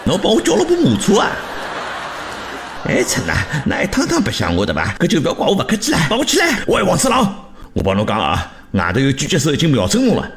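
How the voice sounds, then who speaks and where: A man with a Shanghai accent playing flustered, exasperated men in a farcical comedy sketch, animated and exclamatory. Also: medium pitch, fast, slight background noise. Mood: tense negotiation. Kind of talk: exaggerated comic sketch dubbing in Shanghai dialect.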